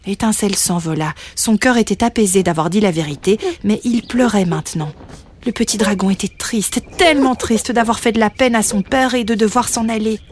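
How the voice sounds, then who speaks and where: A woman narrating a children's storybook in an expressive, playful way. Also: medium pitch, brisk. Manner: expressive, playful with sound words.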